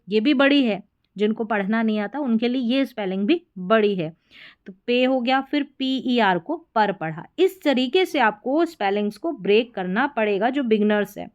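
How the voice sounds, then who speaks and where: Woman teacher, patient, repetitive, slightly high voice, spelling lesson. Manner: patient, repeats points and checks with "theek hai". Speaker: English teacher. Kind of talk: explaining spelling rules in a lesson.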